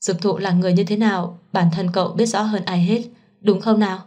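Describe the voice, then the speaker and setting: A woman voicing a kind young man who comforts a friend in a soft, soothing voice, in a storybook reading. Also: medium pitch, steady tone, brisk, lightly acted. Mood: gentle.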